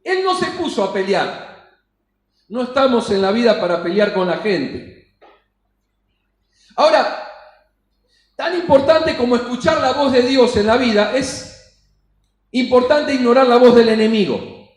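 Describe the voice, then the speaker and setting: A man's voice: extremely high pitch, expressive, measured pace, pauses often, echoey room, rough recording. A man with an Argentine Spanish accent preaching a sermon in a church, emphatic and acting out the voices he quotes. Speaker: pastor.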